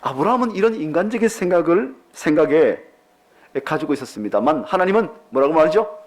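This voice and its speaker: A man's voice: fairly high pitch, animated, fairly quick. A man preaching a sermon as pastor, posing many rhetorical questions to the congregation.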